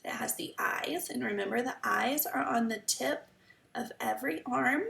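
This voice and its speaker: A woman reading a picture book aloud to children like a kids show host, stopping to ask questions and explain simply, with a creaky voice. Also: on the high side, moderate pace, a bit bright. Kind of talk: children's story time read-aloud lesson. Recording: roomy echo, slightly distant mic.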